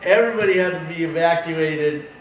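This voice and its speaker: A man's voice: fairly high pitch, fairly quick, crowd noise. A middle-aged man from San Diego, an editorial cartoonist, telling digressive anecdotes at a convention and chuckling at his own stories. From San Diego, California. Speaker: editorial cartoonist giving a talk. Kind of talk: rambling anecdotal talk. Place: convention hall. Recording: roomy hall, distant mic, faint ambience.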